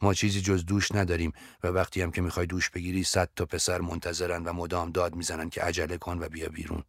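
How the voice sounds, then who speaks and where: A man voicing a breezy young man who talks offhand and teasing, in a very deep voice. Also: completely flat delivery, dry recording, studio quality.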